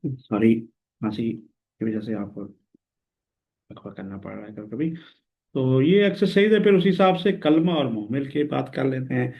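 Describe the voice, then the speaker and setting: A man from Pakistan teaching a recorded grammar lesson, explaining step by step and repeating words slowly and patiently. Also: mid-range voice, vocal fry. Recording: tinny phone-like audio.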